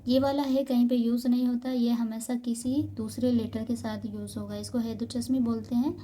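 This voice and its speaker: Mellow-voiced woman teaching letters. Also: on the high side, flat delivery, slight background noise. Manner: patient, repeats example words slowly. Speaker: Urdu teacher. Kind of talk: beginner's Urdu alphabet lesson.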